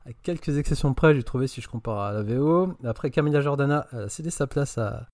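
A man reviewing a film on a podcast, enthusiastic and opinionated, often pausing on fillers. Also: mid-range voice, a little mellow, dry recording, clean studio sound. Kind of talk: casual podcast chat.

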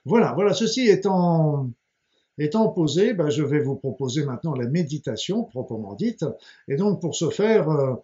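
Homme qui explique simplement, son un peu sourd. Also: male voice, fairly high pitch, lively intonation, normal speed, warm tone. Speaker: guided meditation leader. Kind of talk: informal spoken explanation before a meditation. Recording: dull lo-fi sound with music behind.

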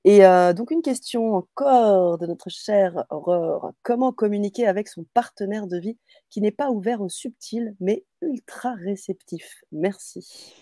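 A woman's voice: mid-range voice, unhurried, mellow, no room sound, clean studio sound. A woman hosting a live workshop, reading out audience questions and hesitating with fillers. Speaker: host of a live online workshop.

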